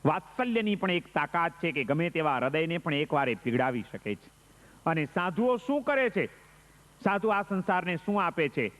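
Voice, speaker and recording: High-voiced male preacher in echoing hall. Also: big pitch swings, normal speed, a bit bright. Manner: dramatic, rising emphatic storytelling. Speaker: Jain monk preacher. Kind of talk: sermon with storytelling.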